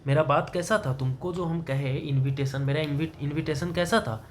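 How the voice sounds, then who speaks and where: A man's voice: a little high, fairly even intonation, normal speed, a little hiss or hum. A man teaching English grammar to a student, explaining in Hindi with English terms and asking questions that he often answers himself. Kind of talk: classroom grammar lesson.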